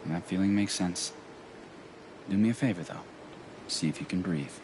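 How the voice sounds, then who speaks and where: An actor playing a calm, encouraging young outdoorsman in a video game, instructing reassuringly in short phrases. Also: low voice, normal speed, close to an everyday voice. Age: young adult. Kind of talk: video game dramatic acting. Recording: clear ambient noise behind voice.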